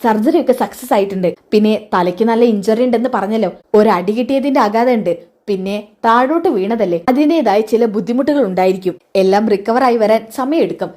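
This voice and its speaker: A woman voicing a calm hospital doctor who explains injuries and surgery in a measured, steady way. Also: on the high side, lightly acted. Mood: reassuring.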